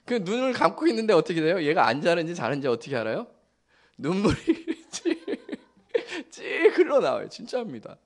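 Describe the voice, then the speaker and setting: A male pastor in his forties preaching a Sunday sermon, telling family stories with hushed tender passages and bursts of laughter. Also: fairly high pitch, normal speed. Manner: storytelling, shifting from hushed tenderness to excited laughter.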